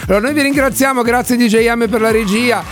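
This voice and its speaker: High-voiced male Italian quiz host on radio. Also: fast talker, fairly bright tone, faint music behind. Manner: Italian quiz host, chatty and playful, drawing out the answer options. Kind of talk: live radio presenting.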